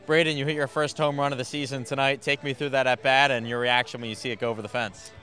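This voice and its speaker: A man's voice: medium pitch, level tone, fast talker, sharp tone, soft background music. A young man hosting a postgame sports show and interviewing a player, outdoors on a field with a handheld mic, in a polished broadcast delivery. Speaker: host and interviewer.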